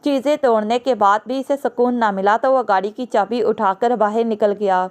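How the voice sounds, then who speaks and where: Female novel narrator, steady scripted storytelling, smooth and higher-pitched.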